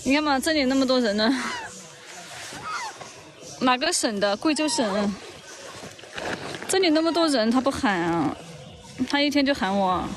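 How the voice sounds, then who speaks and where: A woman's voice: high-pitched, expressive, moderate pace, long pauses, background noise. Chatty woman. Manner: chatty, teasing, coos in baby talk. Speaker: livestream host. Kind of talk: casual livestream chat. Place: outdoor monkey park.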